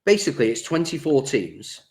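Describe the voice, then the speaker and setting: A man co-hosting a casual podcast, talking in a chatty, teasing way. He stops and restarts often, and his voice sits at an ordinary middle pitch for a man. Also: sing-song, brisk, darkish tone. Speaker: podcast co-host.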